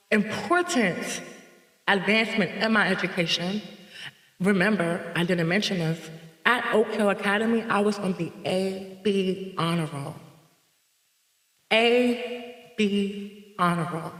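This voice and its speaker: Slow, deliberate woman in an echoey room. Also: mid-range voice, fairly bright tone. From North Carolina. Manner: slow, deliberate, emphatic repetition. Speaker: podcast host. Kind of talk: reflective personal monologue.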